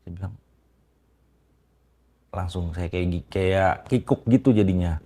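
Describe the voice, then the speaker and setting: A man hesitantly telling a personal story as an interview guest, speaking in a halting casual way with many restarts and fillers. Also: sits low, warm tone.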